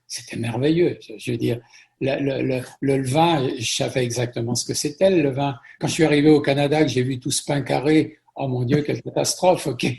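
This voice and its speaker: Middle-aged French-born man, interview guest, gravelly voice, chatty storyteller who repeats himself. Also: medium pitch, fairly even intonation, a little fast. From France. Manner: warm storytelling with frequent repetitions. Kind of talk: conversational interview.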